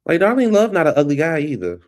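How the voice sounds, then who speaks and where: A vlog host chats on his own from his home computer, rambling loosely and calling his audience "baby," his nose stuffed up and his voice fading. He sits on the high side in pitch, which swoops wildly, and he talks quickly with a darkish tone.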